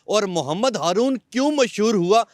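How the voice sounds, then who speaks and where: A man's voice: high voice, lively intonation, no echo, clean studio sound. A man hosting an interview, introducing his guest and prompting him with leading questions in an upbeat way. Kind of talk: street-style interview.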